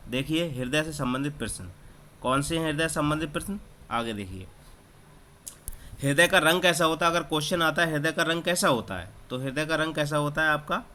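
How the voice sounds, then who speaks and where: A man's voice: a little high, fairly quick, pushed and bright, slight background noise. A man teaching an exam-prep lesson, who asks a question, then answers it himself and repeats each key term. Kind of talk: exam-prep lesson over screen recording. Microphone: screen-recording app mic.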